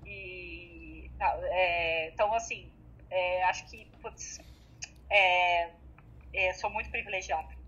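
A woman, a medical student, chatting casually on a phone line, talking in halting bursts with lots of fillers and laughter. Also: fairly low pitch, steady tone, fairly bright tone, slightly rough. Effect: heard over a phone line. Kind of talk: casual group chat on a call.

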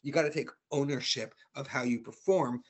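A man's voice: mid-range voice, fairly quick, slightly rough. A man co-hosting a casual sports fan talk show, ranting with frustration and stumbling over repeated words.

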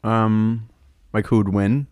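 A man's voice: on the low side, steady tone, extremely slow, darkish tone, clear, resonant tone, no echo. A young man co-hosting a podcast, laid-back and slangy in casual chat. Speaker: podcast co-host.

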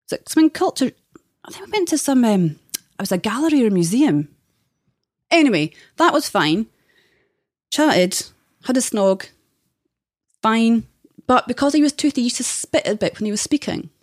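A woman's voice: a little high, sing-song, moderate pace, long pauses, no room sound, clean studio sound. A young woman, a podcast guest, chatting candidly and telling dating stories with plenty of laughter. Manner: candid, chatty storyteller who laughs often.

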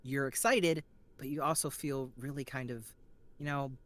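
A man's voice: mid-range voice, fairly even intonation, moderate pace, a bit bright. A man as a podcast guest, chatting earnestly and rambling about voice acting. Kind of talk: casual chat.

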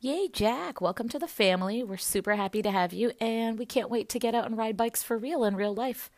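A woman co-hosting a team podcast, chatting casually in an upbeat way with a loud voice and many fillers. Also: fairly high pitch, fairly quick, no room sound, studio quality. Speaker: podcast co-host. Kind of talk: casual chat.

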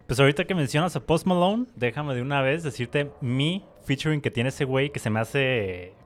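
A man with a Mexican Spanish accent, co-hosting a podcast and telling stories in relaxed, slangy chat. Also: medium pitch, moderate pace. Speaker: podcast co-host. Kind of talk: casual chat.

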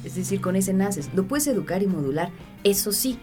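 A woman's voice: medium pitch, lively intonation, normal speed, over music. A woman, a voice actress and teacher, explaining voice work in a confident, playful interview.

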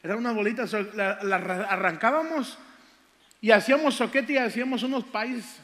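An older man preaches, stretching out scripture with fervor before drifting into folksy childhood stories. His voice sits high for a man. The church hall around him rings with long reverb. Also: a bit bright. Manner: fervent, drawn-out scripture reading, folksy storytelling. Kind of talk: sermon testimony.

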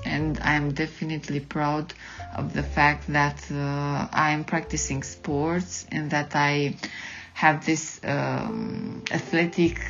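A woman from Romania speaking in measured, deliberate statements, recorded on a dull lo-fi recording. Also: sits low, a bit bright. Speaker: podcast guest.

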